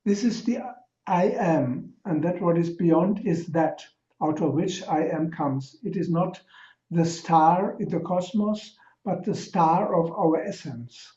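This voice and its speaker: A man who paints explains the spiritual symbolism of his work slowly and deliberately, searching for words over a video call. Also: on the high side, mellow. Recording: roomy, muffled video call audio.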